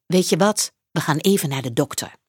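A woman voicing a kind old man neighbor who speaks gently and with concern, in a children's audiobook. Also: deep voice, lively intonation, moderate pace, slightly rough, no echo, clean studio sound.

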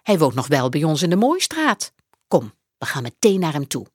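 A woman's voice: sits low, very animated, normal speed, breathy edge, no room sound, clean studio sound, heavily acted. Woman doing a kind, worried old man. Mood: kindly. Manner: gentle, concerned.

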